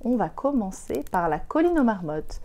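A woman's voice: mid-range voice, big pitch swings, warm tone. A woman reading the part of Enzo, a studious little boy who talks in a matter-of-fact way. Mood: plain. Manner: matter-of-fact, a bit quick to give up.

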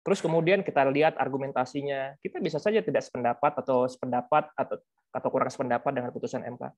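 This guest speaker, a male researcher and author, lays out his opinions in a chatty webinar discussion, leaning on fillers and rhetorical tags. He talks fast in a steady, mid-range voice over a video call mic that carries a bit of hiss or hum.

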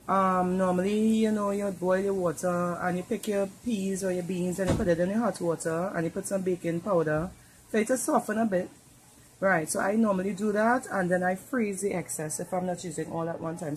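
Speaking in a fairly low pitch, this Trinidadian woman cooks in her home kitchen and chats her viewers through every step. She is from Trinidad and Tobago, and a little background noise can be heard.

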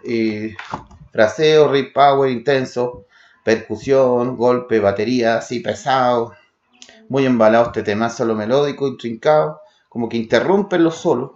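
A man's voice: medium pitch, a little slow, a little mellow, roomy sound, muffled recording. A man from Chile reviewing old metal demos, calling out riffs and drums in short word lists. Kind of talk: spoken demo review over music.

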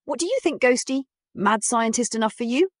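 A woman's voice: on the high side, animated, a little fast, no echo, clean studio sound, voice pushed up. A woman voicing a playful, scheming female pony dressed as a mad scientist, with a teasing manner.

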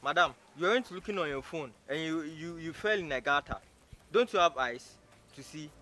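A man's voice: on the high side, expressive, normal speed, sharp tone. An actor playing a rude, arrogant man who mocks and insults a stranger, stammering and repeating himself as he scolds her. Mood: scornful. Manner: scornful, mocking, repeats himself in stammering bursts. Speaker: actor in a short film. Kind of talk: short-film drama acting.

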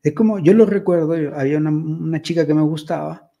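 A man's voice: fairly high pitch, quick pace, gravelly, mellow, highs cut off. A man giving advice in a casual, reflective monologue, telling personal stories and often checking in with tag questions.

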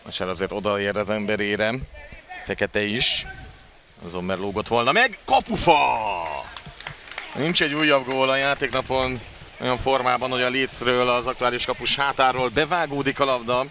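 A man's voice: medium pitch, flat delivery, bright, forceful tone. A man giving live water polo play-by-play commentary as a sports commentator. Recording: clear background noise of an outdoor venue.

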